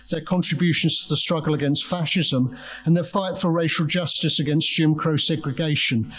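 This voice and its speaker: A man's voice: fairly high pitch, fairly bright tone, rough recording. A man giving an academic conference talk, telling a story with restarts and quoting other people. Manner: storytelling, with quoted voices and restarts. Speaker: conference speaker.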